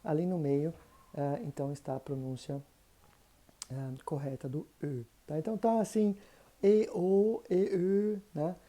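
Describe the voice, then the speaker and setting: A woman explains German grammar in a patient, thinking-aloud way. Her voice sits low, with a very dark, mellow tone. She keeps checking that her listener follows. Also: normal speed. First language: Portuguese. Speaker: German teacher. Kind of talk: explanatory online lesson.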